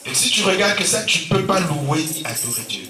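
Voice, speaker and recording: Heard at a distance in a reverberant church hall, a male pastor with a Central African French accent delivers a sermon despite a sore throat and cold, with frequent cries of amen and alleluia. He sounds animated and fairly quick, his voice on the high side, and a crowd can be heard behind him.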